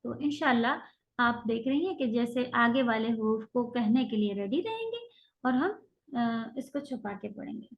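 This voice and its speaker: High-voiced woman teaching recitation rules. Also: animated, muffled recording. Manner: explains patiently, models drawn-out recited sounds. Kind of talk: online tajweed lecture.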